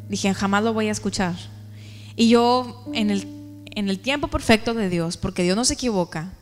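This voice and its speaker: A woman with a fairly high voice giving an earnest church testimony, turning to the congregation with questions. Her voice carries a long reverb from a large hall, over clear guitar music. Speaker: testimony speaker.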